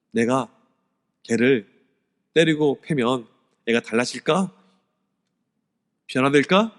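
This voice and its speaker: Male pastor, fairly high voice, lively storyteller, church hall reverb, seminar talk to teachers. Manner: animated storytelling, swings from loud to hushed. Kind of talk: sermon-style teacher seminar lecture. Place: church sanctuary.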